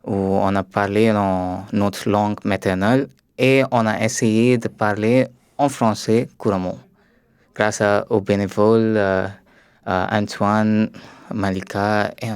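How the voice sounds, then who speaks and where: A man's voice: lowish voice, level tone, takes it slowly, smooth, no echo. A young man from India with an Indian accent, native tongue Tamil, talking carefully in learner's French as a guest in a radio studio, with many hesitations. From India, Tamil Nadu. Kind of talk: radio interview.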